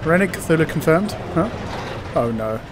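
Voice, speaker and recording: A man's voice: on the high side, expressive, moderate pace, noisy background. A man giving casual, jokey commentary while playing a video game, talking to objects and characters on screen. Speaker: let's play gamer.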